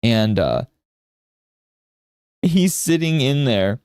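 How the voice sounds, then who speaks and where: A man's voice: medium pitch, big pitch swings, drawn-out words, darkish tone, smooth, no room sound, clean studio sound. A man in his thirties giving a casual live art lesson while drawing, rambling into anecdotes and often checking in with "right?". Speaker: art streamer and instructor.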